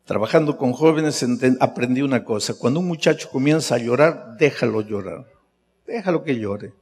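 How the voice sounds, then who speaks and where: Middle-aged male pastor, impassioned storytelling sermon, mid-pitched voice, long hall reverb. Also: lively intonation, moderate pace, darkish tone, slightly rough. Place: large hall at a youth congress.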